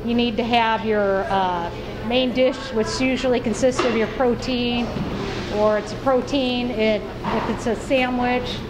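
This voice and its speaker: A woman's voice: on the high side, steady tone, measured pace, loud music behind the voice. A woman school cafeteria worker, explaining her routine in a practical, matter-of-fact way. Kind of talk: interview answers.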